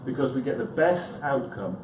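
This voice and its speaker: Recorded indoors in an echoey conference room with clear background noise, a man who is a psychiatrist gives a loose, hesitant talk, running himself down and adding chatty asides for the audience. He speaks at normal speed with medium pitch and lively intonation.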